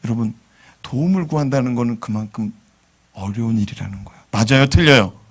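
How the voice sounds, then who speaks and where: A male pastor giving a sermon in a church, animated and quizzing the congregation. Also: mid-range voice, a little fast, breathy edge. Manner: animated, asks the congregation questions, drops to whispers.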